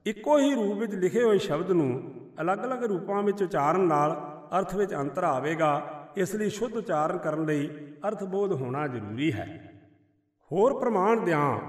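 A male scholar with a Punjabi accent explains scripture pronunciation in a slow, measured teaching voice, half-chanting the verses he quotes. He sits well back from the mic, and a long reverb rings around every phrase. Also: sits high, recorded from a distance. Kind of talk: recorded teaching on correct scripture recitation.

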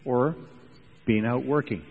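A man giving a motivational seminar talk, speaking emphatically in short, measured phrases for an interpreter. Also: medium pitch, a little mellow, breathy edge, big-room sound, low-quality recording.

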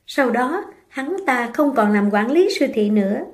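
A woman's voice: a little high, animated, moderate pace. A woman voicing a frank, chatty young woman friend who gossips bluntly. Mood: gossipy.

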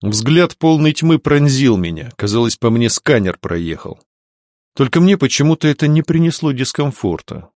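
A man giving expressive first-person narration of an audiobook. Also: medium pitch, moderate pace, no echo, studio quality.

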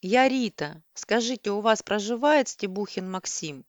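A woman's voice: medium pitch, very animated, measured pace, no echo, clean studio sound. A woman voicing a distraught young woman who is crying and pleading. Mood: pleading tearful.

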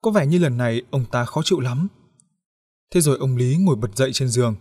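A man narrating a horror audiobook in a measured, suspenseful storytelling manner. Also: mid-range voice, expressive, dark tone, slightly rough.

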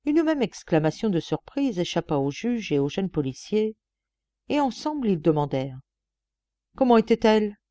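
Woman reading an audiobook, lively delivery. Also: lowish voice, moderate pace, no echo. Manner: expressive storytelling. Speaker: audiobook reader. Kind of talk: audiobook narration.

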